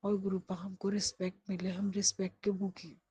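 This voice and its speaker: A woman's voice: medium pitch, little pitch movement, brisk, mellow, husky, no room sound, poor audio. A middle-aged woman speaking a personal prayer, earnest and pleading as she asks for guidance for her children. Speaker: devotee praying aloud.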